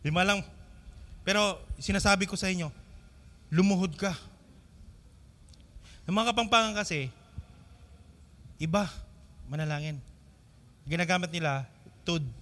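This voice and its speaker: A man's voice: unhurried, pauses often. A male pastor with a Filipino accent, preaching a sermon to his congregation and asking them questions, mixing English phrases into his talk. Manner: swings between loud emphatic lines and quiet low asides.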